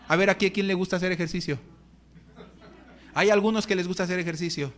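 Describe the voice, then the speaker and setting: Male pastor, middle-aged, high voice, humorous sermon, acts out his groans. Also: fairly even intonation, fast talker. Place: church hall.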